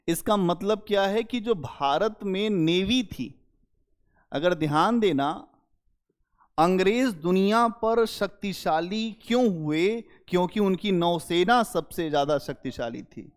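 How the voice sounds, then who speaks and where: A man teaching a history lecture to exam students, emphatic and deliberate, often asking the class rhetorical questions. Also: high voice.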